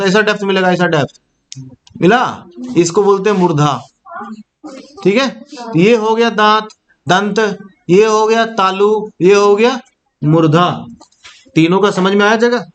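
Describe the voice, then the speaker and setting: A young man teaches Hindi grammar as in a classroom, his voice high and fairly bright. Each sound gets pronounced aloud for demonstration, and he checks in with his students regularly to see if they follow.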